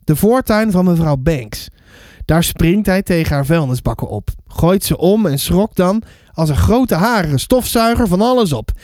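A man reading a children's book aloud for his podcast. His voice is high and lively, with small slips along the way. The sound is close and dry. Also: moderate pace, no room sound. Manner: lively, with fillers and self-corrections.

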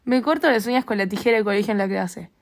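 A woman's voice: mid-range voice, fast talker. A young woman with a Uruguayan Spanish accent, chatting casually and animatedly and asking playful questions. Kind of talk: casual chat.

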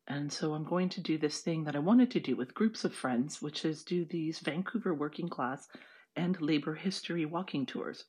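A husky-voiced guide narrates a walking tour. The pitch sits in the middle, and the delivery is informal and a little halting, drifting into chatty asides. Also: darkish tone.

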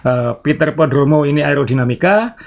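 A man's voice: on the high side, expressive, fairly quick, gravelly. A man co-hosting a casual podcast chat, explaining things at length and chuckling often. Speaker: podcast co-host.

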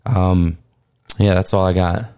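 Male podcast co-host, middle-aged, very deep pitch, casual conversational delivery. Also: fairly even intonation, slow pace, dark tone, clean tone.

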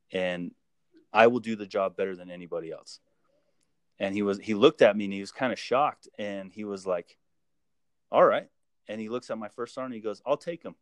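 A man with a fairly low voice, recorded close and dry, tells old army stories. He talks in a loose, profane, easygoing way and acts out every exchange with his sergeants. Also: dry recording. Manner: lively anecdote-telling, acting out quoted dialogue; relaxed and profane, with frequent fillers. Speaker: guest; army veteran. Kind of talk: casual spoken storytelling.

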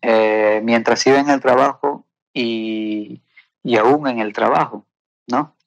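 Creaky-voiced man giving earnest testimony. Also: medium pitch, fairly even intonation, no room sound, highs cut off. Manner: halting and earnest, with many fillers and tag questions. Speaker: guest sharing a personal testimony. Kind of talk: emotional personal testimony.

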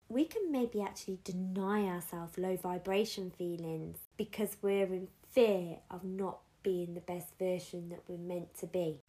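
A woman giving an earnest, conversational spiritual guidance talk, leaning on emphatic repetitions. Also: mid-range voice. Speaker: spiritual guide.

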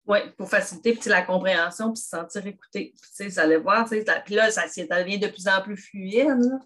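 A woman's voice: medium pitch, fairly quick, a bit bright. A woman with a Québécois French accent, a social worker co-hosting an advice podcast, who chats casually and talks straight to listeners. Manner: chatty, addresses listeners directly.

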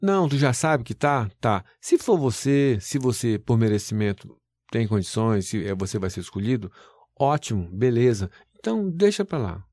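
A male news presenter tells his story in a lively, folksy way, full of exclamations. His voice sits at an ordinary middle pitch. The sound is dry and close, with no room echo. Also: normal speed. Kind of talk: interview storytelling.

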